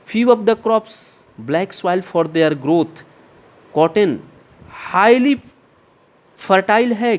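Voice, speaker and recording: A middle-aged man lectures like a classroom teacher, his voice sitting a little high for a man. He keeps asking short questions and answering them himself, slipping English terms into his explanations.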